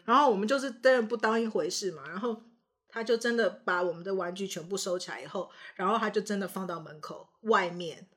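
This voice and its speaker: A young woman co-hosting a casual podcast, telling childhood stories in an animated way and acting out her parents' lines. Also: mid-range voice, quick pace. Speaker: podcast co-host. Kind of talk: casual chat.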